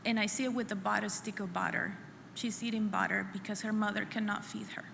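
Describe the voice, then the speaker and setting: Speaking at a church women's conference, a middle-aged Salvadoran woman gives her personal testimony earnestly and haltingly, often repeating phrases. Her mid-range voice stays fairly even and carries vocal fry. The echoey hall has faint room noise.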